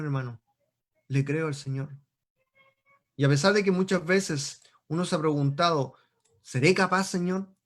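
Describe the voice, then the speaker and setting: A man preaching a sermon as pastor, earnest, repeating phrases and often calling his listeners brothers. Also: a little high.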